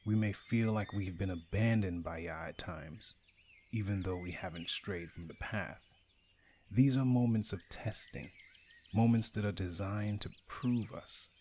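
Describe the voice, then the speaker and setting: Slow, low-voiced man giving a devotional. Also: dark tone, slight background noise. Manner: slow, measured and earnest. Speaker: devotional speaker. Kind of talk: scripted morning devotional.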